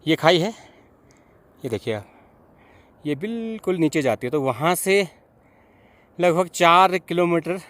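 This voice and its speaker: A young man narrating his mountain trek outdoors on a high ridge, pointing things out to viewers. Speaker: trekking vlogger.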